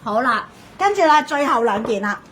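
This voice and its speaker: A woman's voice: on the high side, expressive, moderate pace, fairly bright tone, slight background noise. A woman with a Hong Kong Cantonese accent hosting a live shopping stream as a hard-sell ad, emphatic and urging.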